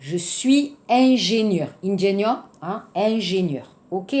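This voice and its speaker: A woman teaching a French lesson to Korean learners, explaining slowly and adding Korean translations. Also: fairly high pitch. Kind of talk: classroom lesson.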